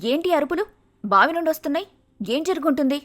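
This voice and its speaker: A woman voicing a prejudiced young village woman who loudly scolds and accuses others, in a cartoon story. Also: high-pitched, expressive, fast. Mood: alarmed.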